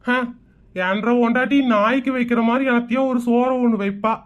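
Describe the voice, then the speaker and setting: A woman's voice: fairly high pitch, steady tone, brisk, muffled recording, close to an everyday voice. A woman voicing a smug, dismissive middle-aged village husband with a Kongu Tamil accent in a comic cartoon. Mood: scoffing. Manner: scoffing, dismissive.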